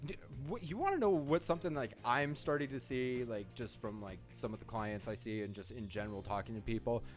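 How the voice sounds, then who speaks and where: A man's voice: mid-range voice, a little fast, hardly any pauses, soft background music. A young man co-hosting a casual chat over a video game, rambling and leaning hard on "like". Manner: rambling, heavy use of "like". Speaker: co-host playing a video game.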